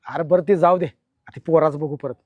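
A man's voice: fairly high pitch, steady tone, brisk, slightly rough, no echo, highs cut off. A man playing a stubborn village father who insists and brushes off accusations in a short film. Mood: friendly. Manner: insistent, dismissive. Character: stubborn rural father denying his son's guilt.

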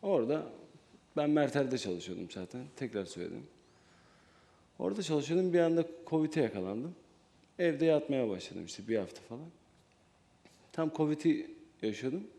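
A man speaking as a talk show guest, with a warm, mellow tone. His pitch moves a lot as he tells his account, hesitant at first and then emphatic. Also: expressive, normal speed, vocal fry, pauses often.

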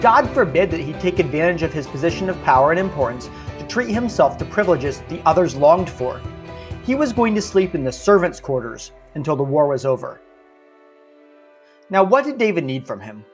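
Lively snarky male storyteller. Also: fairly high pitch, a little fast, soft background music. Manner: snarky, with wry asides. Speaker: podcast narrator. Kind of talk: casual storytelling narration.

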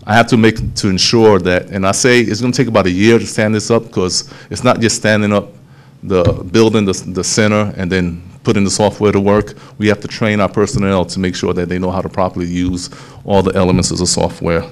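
A man, a police official explaining a program to a town hall meeting, steady and explanatory, often restarting phrases. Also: deep voice, brisk. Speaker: police official presenting to city council.

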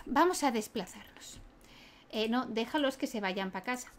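Chatty high-voiced woman gamer. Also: expressive, moderate pace. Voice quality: chatty, laughs often, keeps asking ¿vale?. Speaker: gaming video creator. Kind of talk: let's play commentary.

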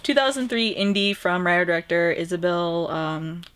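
A woman co-hosting a casual film chat, her pitch moving a lot as she talks. She is chatty and leans on "like", with soft laughs between points. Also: lively intonation, normal speed, clean tone. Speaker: film show co-host.

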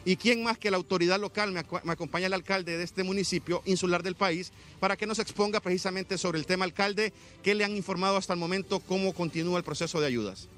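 A man in his thirties from Honduras, reporting live outdoors at night into a handheld microphone with a formal, measured delivery. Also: high-pitched, a bit bright. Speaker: field reporter.

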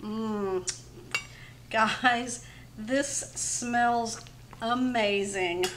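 Drawing out her words in a fairly high, somewhat bright voice, a middle-aged woman hosts a home cooking channel from her kitchen. She chats casually through each stage of a casserole recipe, and a little hiss or hum can be heard.

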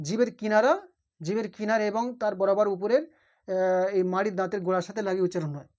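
A woman's voice: mid-range voice, steady tone, quick pace, darkish tone. A woman teaching Quran reading, patiently repeating each Arabic letter and explaining where it is formed in the mouth. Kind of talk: slow letter-by-letter Arabic pronunciation lesson.

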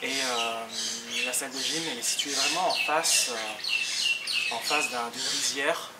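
Searching for words, a young man speaks haltingly in a mid-range voice while explaining something in a casual vlog. He was recorded from a distance, and heavy noise fills the space around him.

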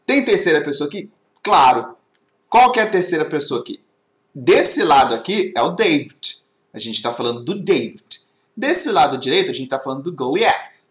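Animated male teacher in an echoey room. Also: fairly high pitch. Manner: animated, explains with many rhetorical questions. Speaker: English teacher. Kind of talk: online class. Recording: echoey webinar audio.

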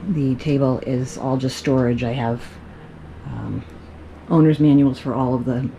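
Low-voiced woman touring her sailboat. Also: gravelly, muffled recording, slight background noise. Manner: relaxed, pointing things out with frequent ums. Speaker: boat owner giving a tour. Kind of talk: casual walkthrough narration. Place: on and inside a sailboat at anchor, outdoors on deck then in the cabin.

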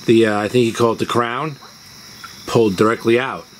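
Out on a house porch at dusk, a man casually shares personal stories for his video in a mid-range voice at a fairly quick clip. Crickets and other insects chirp amid the outdoor noise.

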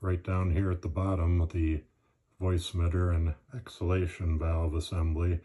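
A man with a very low, mellow voice presents a step-by-step demonstration. His delivery is measured and matter-of-fact, with a flat, steady intonation. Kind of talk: instructional narration.

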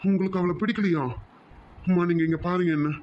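A man voicing a high, pleading young son. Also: fairly even intonation, fast talker, dull audio, slight background noise, natural voice. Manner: pleading, confused, repeating "amma". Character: distressed young man in love, devoted son. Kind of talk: cartoon voice acting.

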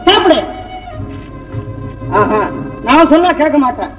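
A man's voice: extremely high pitch, expressive, a little slow, a bit bright, full character voice. An actor playing a loyal, fussing male household servant in a 1960s film, coaxing and scolding. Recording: distant echoey old film soundtrack with music.

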